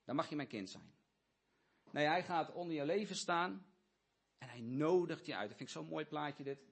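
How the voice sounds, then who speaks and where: Male preacher, fairly high husky voice, earnest sermon delivery. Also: animated, normal speed. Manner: earnest, pleading, addresses the congregation directly. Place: church.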